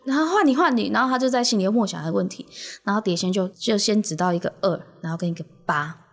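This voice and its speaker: A young woman co-hosting a podcast, telling a ghost story in a lively, animated way. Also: medium pitch, fast. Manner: animated storyteller who acts out the characters. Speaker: podcast co-host.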